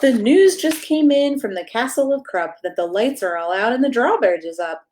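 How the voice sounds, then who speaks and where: Fairly high in pitch and darkish in tone, a woman's animated voice carries a pastor's bedtime reading of a rhyming picture book at a moderate pace. She reads expressively and playfully, addressing the children with questions, over slight background noise.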